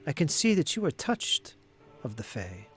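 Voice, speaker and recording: A man voicing a wary, mystical elf druid in a tabletop game, solemn and dramatic, dropping into breathy whispers. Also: fairly high pitch, wildly swooping pitch, normal speed, fairly bright tone, faint music behind. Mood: probing, intense.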